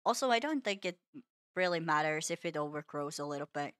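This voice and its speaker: A woman streamer giving casual gameplay commentary, musing aloud in a soft, self-mocking way and often tripping over and repeating her words. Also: low voice, animated, quick pace, no room sound, studio quality.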